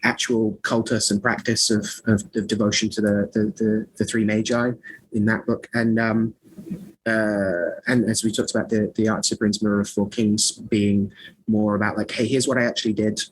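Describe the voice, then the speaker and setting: Interviewed conversationally on a podcast, an author and scholar of magic rambles through fillers, restarts and self-deprecating asides. His voice sits on the low side with a breathy edge, level in tone and moderate in pace, and the recording is rough.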